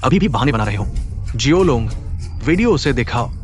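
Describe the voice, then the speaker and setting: A man's voice: mid-range voice, sing-song, fairly quick, faint music behind, lightly acted. A man voicing a vengeful, powerful middle-aged father who commands his men coldly, in a dubbed drama. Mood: cold cruel. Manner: cold, menacing, commanding.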